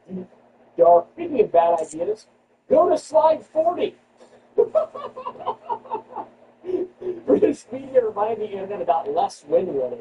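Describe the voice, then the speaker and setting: A man hosting a comedy show, riffing sarcastically on news items and jumping into high mock-outraged squeals. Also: muffled recording. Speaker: comedy podcast host. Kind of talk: comedic news riff with retakes. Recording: distant mic with background noise.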